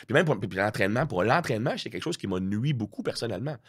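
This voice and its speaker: Husky and fairly low, the voice belongs to a fast-talking strength coach with a Quebec French accent. As a podcast guest he keeps things casual, telling animated stories with slangy digressions and plenty of self-deprecation.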